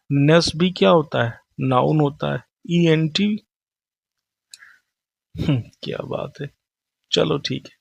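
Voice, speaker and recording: Slow gravelly man teaching. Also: on the high side, no echo. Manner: mixes Hindi and English, reads definitions slowly then explains. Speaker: English vocabulary teacher. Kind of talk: classroom lesson.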